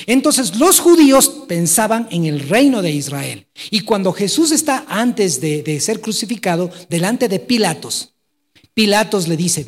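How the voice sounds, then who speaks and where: Male pastor, high voice, dramatic sermon delivery, long church-hall reverb. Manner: dramatic, swinging between loud exclamations and quiet storytelling.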